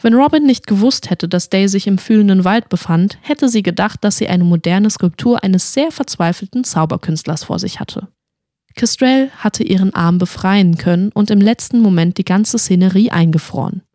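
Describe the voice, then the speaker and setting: A woman narrating a fantasy story in an expressive audiobook reading. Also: mid-range voice, moderate pace, no echo, studio quality.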